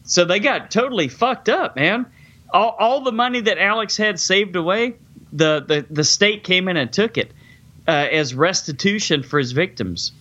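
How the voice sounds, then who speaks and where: A man's voice: high voice, lively intonation, moderate pace, a bit bright, lo-fi sound. A man co-hosting a casual podcast chat, joking, swearing and retelling scenes.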